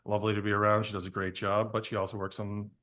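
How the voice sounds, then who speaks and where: A man hosts a podcast and chats casually with his guest. His voice sits low for a man, and he speaks in an easygoing way, often pausing and reaching for "uh" and "like". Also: level tone, a bit bright. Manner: hesitant, many fillers, easygoing. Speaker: podcast host. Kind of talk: casual interview.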